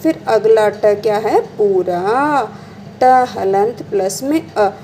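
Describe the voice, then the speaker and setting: A woman's voice: medium pitch, expressive, takes it slowly, dark tone, slight background noise, poor audio. A woman teacher, patiently explaining a lesson, often asking a question and then answering it herself. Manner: patient, calls students beta, asks and answers her own questions. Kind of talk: classroom lesson explaining exercises.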